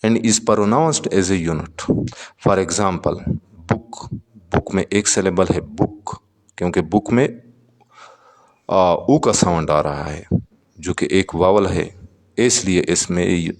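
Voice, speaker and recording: A man's voice: sits low, long reverb tail. A man teaching an English lesson, going word by word, repeating terms and asking his students questions. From Pakistan. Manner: slow, repeats words and asks students questions. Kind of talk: classroom lesson explaining vocabulary.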